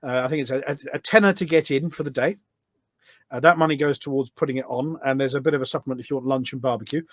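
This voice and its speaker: Guesting on a podcast, this British charity event organiser tells stories in a casual, conversational way. He speaks fast in a medium pitch, enthusiastic and emphatic, frequently repeating himself. The recording is studio quality with no room sound.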